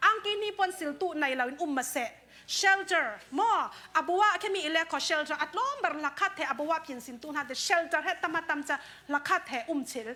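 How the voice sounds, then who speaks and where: Woman, preacher, sermon, conversational, high pitch, bright tone. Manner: conversational preaching, mixes in English words.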